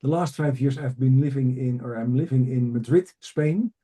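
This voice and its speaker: Appearing as a podcast guest, a middle-aged native Dutch speaker from Amsterdam, Netherlands, who works as a leadership coach shares his story in a conversational way. His Dutch-accented voice is mid-range and mellow, at a normal pace.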